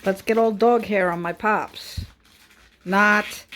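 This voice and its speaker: A woman's voice: mid-range voice, steady tone, slow, fairly bright tone, slight background noise. A woman chatting casually and playfully, teasing as she helps out with an unboxing video. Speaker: off-camera adult helper in a child's unboxing video. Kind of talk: casual chat.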